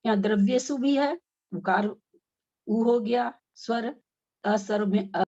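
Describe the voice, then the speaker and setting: On a video call, a woman with a fairly high, mellow voice teaches slowly, guiding her class through careful recitation one syllable at a time. It's an online recitation lesson heard through a phone, and the call audio is dull and lo-fi.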